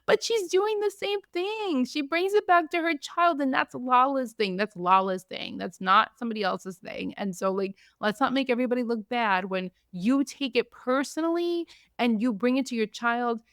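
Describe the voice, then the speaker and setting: A woman hosting a podcast, recapping in casual chat, animated, acting out what others said. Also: a little high, moderate pace, no echo, clean studio sound. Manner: animated, acts out quotes, frequent "like". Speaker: podcast host.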